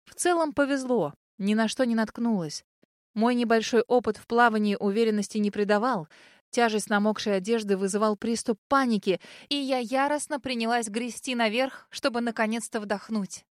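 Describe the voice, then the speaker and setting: Expressive woman reading a fantasy audiobook. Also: on the high side, moderate pace, no room sound, studio quality. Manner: lively, expressive storytelling. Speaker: audiobook narrator. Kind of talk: first-person fantasy audiobook narration.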